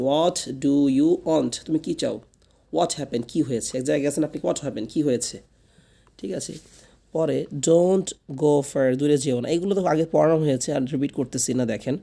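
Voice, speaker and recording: A man whose first language is Bengali teaches a spoken English lesson, slowly drawing out each model sentence between quick explanations. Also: a little high, gravelly, mellow.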